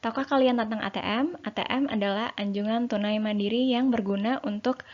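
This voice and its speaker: A woman's voice: on the high side, fairly even intonation, fairly quick. Chatty woman teaching. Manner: casual, chatty teaching with fillers and rhetorical questions. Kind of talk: explaining a lesson to students. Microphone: home recording for an online lesson. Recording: slightly dull lo-fi sound.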